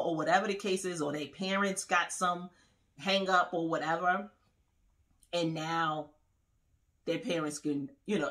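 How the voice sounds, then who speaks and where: Recorded in a small living room, this podcast co-host in her 40s has a lowish, slightly bright voice. She chats casually, wandering through stories and laughing frequently.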